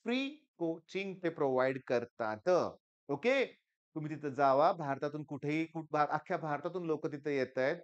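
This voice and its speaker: A middle-aged male tutor with a Marathi accent, coaching exam students in an emphatic motivational talk. He drives points home with loud stresses, then drops into quiet asides, repeating his reminders to pay attention. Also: fairly high pitch, lively intonation, moderate pace, muffled recording. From Maharashtra, India. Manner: emphatic, often repeats "lakshat ghya".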